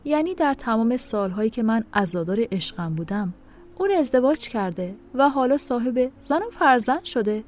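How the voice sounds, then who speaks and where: A woman's voice: fairly high pitch, animated, a little mellow. A woman narrating a dramatic first-person story in an emotional, scripted reading.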